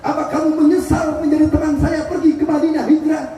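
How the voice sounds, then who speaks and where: A male preacher voicing a gentle, concerned prophet who questions his companion in a softly raised tone. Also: very high voice, monotone, quick pace, soft background music, pitched above the performer's own voice. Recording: echoey room from a distance.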